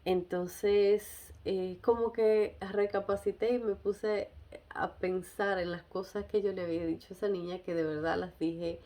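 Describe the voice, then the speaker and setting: A woman sharing a personal testimony in a sermon, reflective and hesitant, often pausing and checking in with her listeners. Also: mid-range voice, fairly even intonation, warm tone. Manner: reflective, with many hesitations and tag questions. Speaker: speaker sharing a devotional message.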